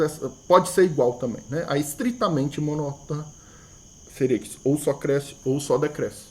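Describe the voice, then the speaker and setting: A man's voice: fairly high pitch, a little mellow. A man teaching a math lesson, thinking aloud, repeating key words and asking himself rhetorical questions, with a Brazilian Portuguese accent. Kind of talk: explanatory video lesson.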